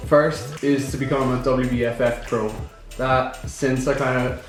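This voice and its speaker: A man's voice: mid-range voice, little pitch movement, a little slow. A young man and fitness coach in casual chat, upbeat and laughing often. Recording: very echoey room with music playing.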